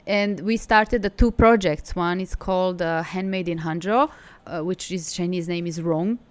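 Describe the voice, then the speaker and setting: Serbian accent woman chatting as an interview guest, nice clean clear voice. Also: on the low side, normal speed. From Serbia, from Belgrade. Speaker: interview guest, design studio co-founder. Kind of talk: conversational interview answers.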